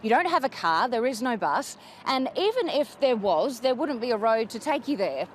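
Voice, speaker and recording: A woman presenting a news interview, introducing guests and asking clear, brisk questions. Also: a little high, sing-song, slight background noise.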